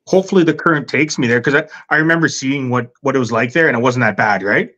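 A man's voice: mid-range voice, fast talker, pushed and bright. A man on a video call, joking easily about himself in casual chat. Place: home room on video call. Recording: dull lo-fi call audio.

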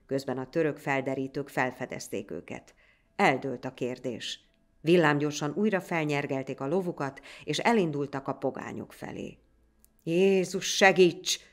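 A woman narrating a folk tale in a lively, dramatic reading style. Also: extremely low pitch. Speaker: storyteller. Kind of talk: storybook narration.

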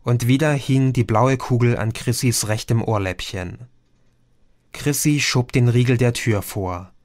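Man reading a story aloud, slow and steady, super dry close sound. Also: medium pitch, no room sound. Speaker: audiobook narrator. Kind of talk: scripted narration.

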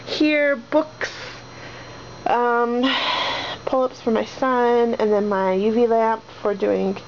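A chatty young woman with a voice on the high side gives a casual vlog tour of her house, walking through the rooms. She rambles with self-deprecating asides, and her handheld camera mic picks up dull lo-fi audio along with household noise.

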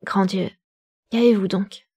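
A woman voicing a proud young gentleman, speaking in a gentle, solicitous way. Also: on the low side, little pitch movement, moderate pace, slightly rough, no echo. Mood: concerned.

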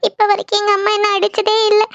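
A squeaky, very high young cartoon woman who rattles off her words between sobs, as a voice actor plays her. The tone is gravelly underneath, and the sound is dull and lo-fi. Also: completely flat delivery, fast talker, a bit bright, no echo, exaggerated voice. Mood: upset. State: crying. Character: young woman in love, tearful and upset. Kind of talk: cartoon voice acting.

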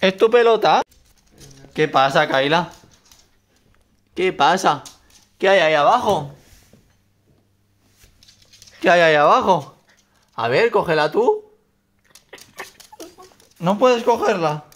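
A vlogger in his thirties with a Castilian Spanish accent chats informally and expressively while filming on a handheld phone. His voice is high-pitched, animated and fairly bright, and he takes his time with frequent pauses. The on-location recording is noisy and handheld.

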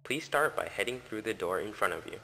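A man voicing the announcer of a horror attraction in a game, speaking in a formal, measured way. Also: lowish voice, lively intonation, vocal fry, bright, forceful tone, slight background noise, full character voice, poor audio.

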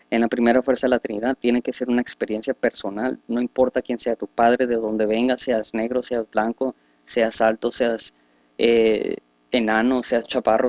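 Male Bible teacher, mid pitch, dry close sound, halting earnest explanations. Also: a little mellow, no room sound. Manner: reads scripture then explains at length with many fillers and restarts. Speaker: religious teacher.

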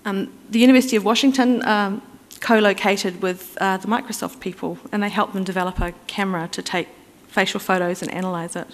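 A woman presents at a conference at a mid-range pitch, explaining step by step in a conversational way. She pauses on fillers and restarts now and then. Her voice carries a long reverb from the hall around her. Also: steady tone. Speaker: conference speaker.

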